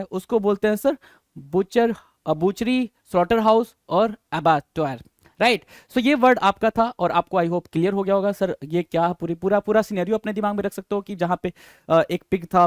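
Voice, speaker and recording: A man's voice: sits high, dry recording, clean studio sound. A man teaching exam vocabulary, spelling words letter by letter and asking rhetorical questions in a repetitive, coaxing way. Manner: repetitive, coaxing, addresses listeners as sir and bhai. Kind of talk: exam-prep vocabulary lesson.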